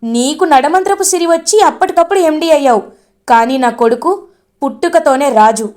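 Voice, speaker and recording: A woman's voice: high voice, normal speed, a little mellow, close to an everyday voice. A woman playing a haughty scheming mother. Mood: scornful. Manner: scolding, arrogant.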